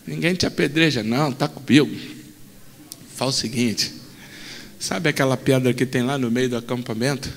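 A man preaching a sermon voicing God as a calm, fatherly, reassuring figure. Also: moderate pace, natural voice. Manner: calm, reassuring, low-key. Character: calm, fatherly God, male, deep-voiced. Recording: long church hall reverb.

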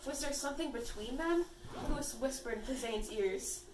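A teenage girl reads a homemade story aloud, slightly high voice, giggling between lines. She sits away from the mic in an echoey room with a faint hiss underneath. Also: normal speed, distant mic. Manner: giggly, breaks into laughter while reading. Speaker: fanfiction reader. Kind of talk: casual group reading of fan fiction. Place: room at a birthday party.

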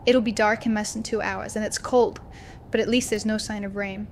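Playing a young student, a woman dramatically confides a horror story to her video diary in a first-person audio-diary style, sounding casual and tired. Her medium-pitched voice is close to an everyday one, with fairly even intonation and a moderate pace. There's slight background noise.

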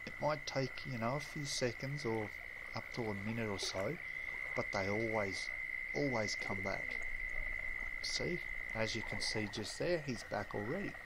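A young man giving a relaxed, rambling gameplay tutorial full of fillers and pauses. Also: fairly low pitch, very noisy. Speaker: game streamer. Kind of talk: casual gameplay tutorial commentary.

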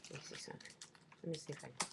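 A woman's voice: very fast, background noise. A middle-aged woman in a small room at home, chatting into her webcam as she shows off things she bought, rambling and correcting herself as she goes. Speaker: vlogger. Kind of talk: casual shopping haul show-and-tell. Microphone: webcam at desk.

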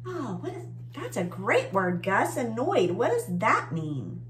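This story time host is an American woman in her forties, reading a picture book to children in a small room with bookshelves and asking simple questions to explain things. She speaks a little slowly, with a fairly high pitch that swings hugely.

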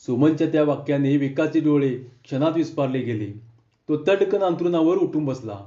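A man's voice: a little high, fairly quick, warm tone, echoey room, muffled recording. A man narrating a heartfelt village story, reading all the characters' dialogue himself. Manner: reads every character's dialogue himself with small voice shifts.

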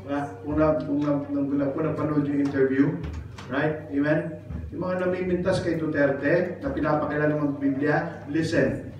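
High-voiced man preaching in an echoey hall. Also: normal speed, highs cut off. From Philippines. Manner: mixes Tagalog and English, keeps checking with "right?" and "amen?"; animated storytelling. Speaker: pastor. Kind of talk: sermon. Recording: echoey hall, distant mic, noisy.

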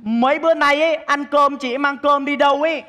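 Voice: high voice, fairly even intonation, a little fast, pushed and bright. A performer playing a spoiled young daughter who whines and pleads with her mother in a stage comedy. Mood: whiny. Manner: whiny, pleading.

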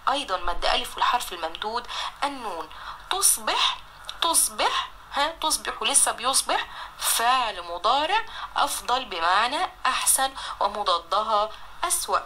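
A woman with an Egyptian accent teaching a recorded primary-school Arabic lesson, drawing words out slowly to sound them out and praising her pupils. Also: a little high, sing-song, sharp tone.

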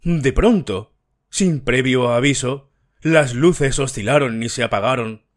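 A man reads a mystery audiobook in the first person, taking his time over each phrase. His voice sits at a middle pitch, and his delivery is measured and even. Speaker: audiobook narrator.

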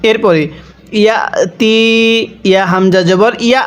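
A man teaching Quran reading, spelling out each word syllable by syllable in slow, drawn-out recitation, then explaining the rules and asking viewers to repeat after him. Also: high-pitched, clear, resonant tone. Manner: addresses viewers directly, asks them to repeat after him.

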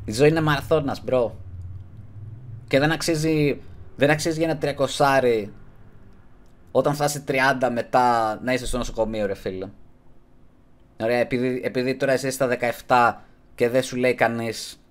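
A man hosting a casual podcast, giving earnest advice in slangy talk and closing his sentences with a low, mumbled "bro". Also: steady tone, long pauses. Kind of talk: casual streamed podcast chat.

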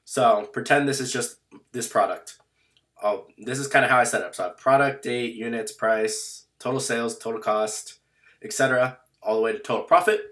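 Slightly hoarse young man explaining. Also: medium pitch, steady tone, moderate pace, a bit bright. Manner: plain, matter-of-fact walkthrough with fillers. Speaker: online seller teaching a spreadsheet. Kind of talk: casual screen-share tutorial.

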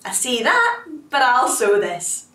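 A stubborn little tailor in a storybook tale, voiced by a woman reader answers in a raised, quick voice. The sound is echoey and picked up from far off. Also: on the high side, huge pitch swings, pushed and bright, heavily acted. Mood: defiant. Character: stubborn nervous male tailor, quick and plucky. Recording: roomy, distant mic.

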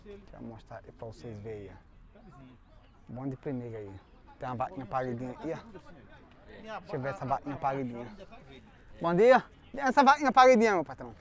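Speaking at a medium pitch, expressive and fairly quick with frequent pauses, a Northeastern Brazilian man hosts a casual, folksy vlog while walking through outdoor cattle market pens. He asks prices, says them back, and tags his lines with little questions, with a crowd audible behind him. The audio, from a handheld phone behind the camera, is dull.

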